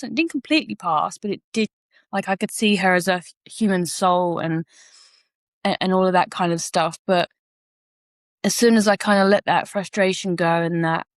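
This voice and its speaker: A woman's voice: lowish voice, no room sound, studio quality. A woman co-hosting a podcast, telling a personal story frankly and reflectively and swearing casually. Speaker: podcast co-host.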